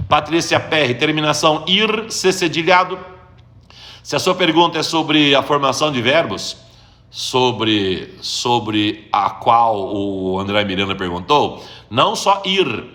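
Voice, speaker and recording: A man's voice: mid-range voice, a bit bright, reverberant. A man teaching grammar on a live stream, answering viewers' questions, greeting them by name, and thinking aloud as he looks things up. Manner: explains step by step, checks understanding. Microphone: phone or computer during a live stream.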